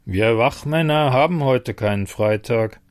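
A man's voice: medium pitch, a little slow, natural voice. A man doing a burly suspicious guard. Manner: gruff, suspicious questioning.

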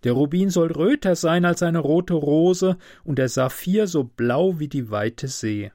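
A man's voice: fairly high pitch, unhurried, dark tone, no echo, studio quality, pitched above the performer's own voice, lightly acted. A man reading a storybook aloud and voicing a loyal, kind-hearted female swallow in a raised, pleading voice.

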